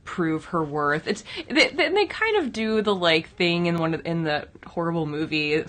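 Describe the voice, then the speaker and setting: A woman's voice: on the low side, lively intonation, normal speed, fairly bright tone. A woman co-hosting and working as a digital editor, chatting casually and rambling with lots of fillers. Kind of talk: casual chat reviewing comics.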